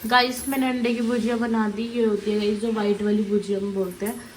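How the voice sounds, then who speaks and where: A woman's voice: mid-range voice, flat delivery, brisk, a little mellow, a little hiss or hum. A woman hosting a casual home vlog, talking chattily to her viewers and laughing at her own slips. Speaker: vlogger host. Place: home, indoors.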